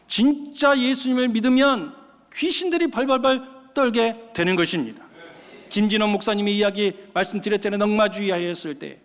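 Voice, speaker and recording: A male pastor tells stories from the pulpit in an emphatic, folksy way, often dropping into casual speech. His voice sits high for a man. A long church-hall reverb follows every phrase. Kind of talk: sermon with storytelling. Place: church sanctuary.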